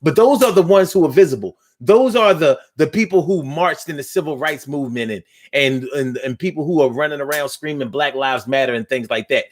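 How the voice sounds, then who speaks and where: A fifty-year-old man hosting a call-in talk show. His voice sits a little high for a man, and he speaks with fervor, doubling back on words as he drives his argument home. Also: a little fast, hardly any pauses. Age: 50s. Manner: impassioned, repeats words when building a point.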